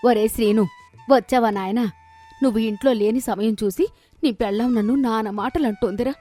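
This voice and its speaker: Lady doing a loud nagging old mother-in-law, cartoon voice, kinda high. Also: normal speed, soft background music, lightly acted. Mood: scolding. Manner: loud, scolding, complaining. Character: quarrelsome old village mother-in-law, self-pitying. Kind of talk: cartoon voice acting.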